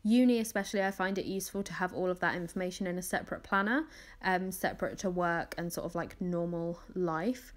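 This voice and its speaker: A woman in her twenties from England, with a lowish voice and a brisk pace, chats casually over a planning video as a vlogger. She rambles with lots of ums and little laughs, and her voice is crackly from the early morning.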